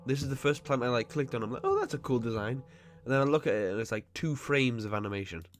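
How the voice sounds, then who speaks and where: This medium-pitched man has a sing-song delivery, though his cold leaves his nose stuffed and his voice nasal. Hosting a gaming video, he talks casually over his gameplay, full of nitpicks and quick, chatty asides.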